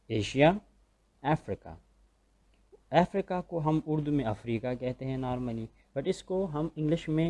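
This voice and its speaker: A man's voice: mid-range voice, dark tone. A man with a Pakistani accent giving a recorded school lecture, patiently repeating points and checking that students follow. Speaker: school teacher.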